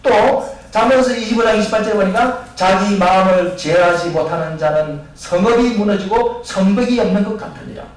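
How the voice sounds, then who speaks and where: Quick high-voiced pastor guy preaching, keeps asking the crowd questions, big echoey church. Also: distant mic. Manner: asks the congregation questions and answers them himself; acts out the voices of people in Bible stories. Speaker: senior pastor. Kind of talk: sermon. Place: church sanctuary.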